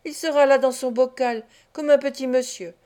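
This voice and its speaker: A scheming old man, a receiver of stolen goods, gleeful and sly, who mocks and cackles as he talks, read by a woman in an audiobook. The voice sits a little high. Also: steady tone, normal speed, mellow, lightly acted. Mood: coaxing. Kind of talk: audiobook character reading.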